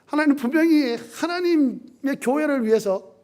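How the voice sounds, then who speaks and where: A man's voice: very high-pitched, lively intonation, normal speed, darkish tone. A male pastor preaching a sermon with emphasis, asking the congregation rhetorical questions and building up lists.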